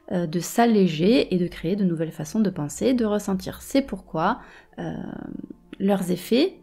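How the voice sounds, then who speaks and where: A woman's voice: mid-range voice, dark tone. A woman teaching informally, hesitantly searching for her words as she speaks directly to the listener. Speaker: meditation and hypnosis teacher.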